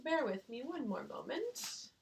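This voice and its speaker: A woman chatting casually to her viewers about her stitching, gushing with excitable bursts and rambling restarts. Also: high-pitched, unhurried, vocal fry, a little hiss or hum. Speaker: cross-stitch vlogger.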